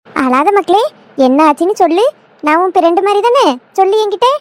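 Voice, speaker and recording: A woman's voice: very high-pitched, animated, brisk, slight background noise. Woman doing a fussy mother-in-law. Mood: coaxing. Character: fussy, talkative middle-aged village mother-in-law. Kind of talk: cartoon voice acting.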